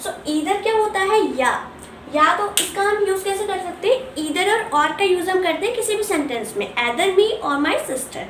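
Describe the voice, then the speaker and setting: A young woman with an Indian accent teaching a spoken English lesson, mixing Hindi and English and repeating words slowly to model pronunciation. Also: extremely high pitch, animated, slight background noise. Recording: echoey room, voice from a distance.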